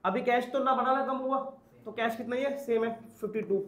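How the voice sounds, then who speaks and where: A man with a fairly high voice gives an accounts lesson at a brisk clip. He poses questions to the class and answers them himself. The sound is roomy, with a noticeable echo. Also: fairly bright tone. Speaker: accounts teacher. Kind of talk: classroom lecture.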